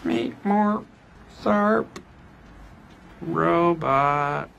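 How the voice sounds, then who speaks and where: A male podcast host putting on a clumsy, stiff robot voice, slow and gravelly. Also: a little high, a bit bright, muffled recording, slight background noise, voice pushed up, full character voice. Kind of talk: joking put-on robot voice.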